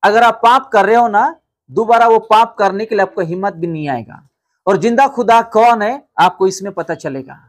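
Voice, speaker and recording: A man's voice: sits high, moderate pace. A man preaching a sermon as pastor, asking the congregation rhetorical questions and telling stories. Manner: rhetorical questions, repeated calls of hallelujah; storytelling, addressing the congregation directly.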